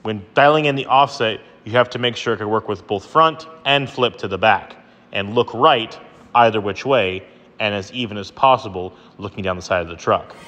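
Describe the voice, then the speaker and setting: A man narrating a truck build as a voice-over, relaxed and enthusiastic as he tells the story. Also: lowish voice, normal speed, a little hiss or hum. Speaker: truck builder and channel host.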